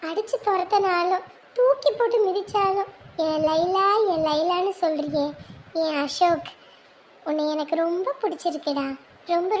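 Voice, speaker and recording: A woman's voice: very high voice, darkish tone, slight background noise. An actress playing a doting young wife speaking tenderly to her sleeping husband in a family drama. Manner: tender, adoring. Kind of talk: family web drama acting.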